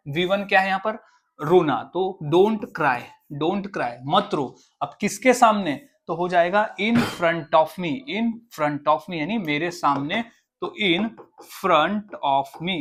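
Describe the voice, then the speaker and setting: A woman teaching spoken English in a lesson, explaining step by step and repeating each phrase slowly, with Hindi as her first language. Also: fairly low pitch.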